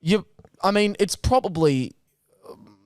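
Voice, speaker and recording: Podcast host: Australian man, clear voice, blunt lad slang, casual, dry close sound. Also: high-pitched, lively intonation, unhurried, dry recording. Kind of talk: casual chat.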